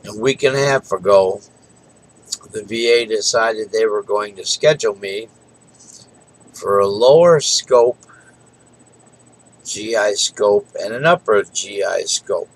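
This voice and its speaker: Tired man with a gravelly voice. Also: fairly low pitch, slow pace, pauses often, a little hiss or hum, rough recording. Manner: rambling, folksy, yawning. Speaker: vlogger. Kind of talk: casual late-night vlog.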